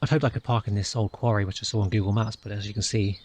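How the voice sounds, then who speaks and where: A hiking vlogger with a lowish, steady, darkish and husky voice talks fast as he narrates his walk on a countryside hillside. He thinks aloud with small restarts, recorded on an outdoor camera mic. He isn't a Welsh speaker by first language.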